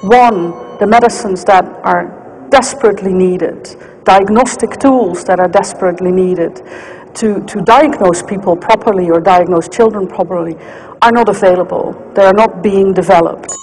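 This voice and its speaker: A woman gives an unscripted interview, laying out points deliberately and repeating phrases for emphasis. Her mid-pitched voice carries long room reverb with faint noise behind it. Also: a little mellow.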